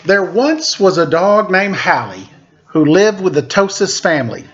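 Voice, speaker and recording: This man's voice is high-pitched, very animated, and a bit bright, though the audio is dull. He reads a picture book at story time playfully and without hurry, pausing for offhand comments on the illustrations.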